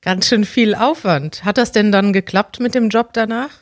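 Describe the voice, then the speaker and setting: A woman's voice: medium pitch, normal speed, dry recording, clean studio sound. A woman hosting a podcast, asking questions in an enthusiastic, easy manner and laughing readily. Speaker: podcast host. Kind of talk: casual interview.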